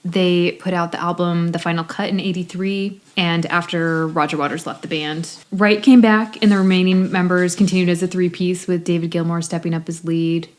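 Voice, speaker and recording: A woman's voice: lowish voice, darkish tone. A woman co-hosting a music podcast, recounting band history in a chatty, hesitant way with frequent giggles. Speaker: podcast co-host. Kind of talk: casual chat and band history.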